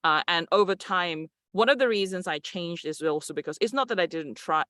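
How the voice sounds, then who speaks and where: A man's voice: sits high, fairly quick, bright, forceful tone, dry recording, studio quality. A man, a game producer answering interview questions in an articulate, explanatory way. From Malaysia.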